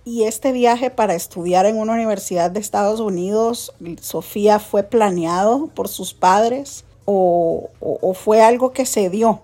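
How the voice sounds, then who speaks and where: Brief: woman podcast host, formal and courteous, mellow dark tone, faint music underneath. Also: medium pitch, measured pace, hardly any pauses. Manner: formal, polite, uses usted. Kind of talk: scripted podcast intro and interview questions.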